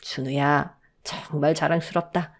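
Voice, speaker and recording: A woman's voice: deep voice, steady tone, measured pace, pitched below the performer's own voice. A woman doing a doting old grandfather. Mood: fond.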